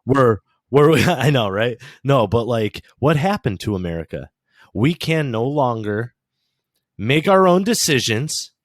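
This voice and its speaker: A man's voice: mid-range voice, lively intonation, unhurried, no echo, studio quality. A man hosting a podcast, ranting casually and swearing often. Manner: profane, ranting. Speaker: podcast host.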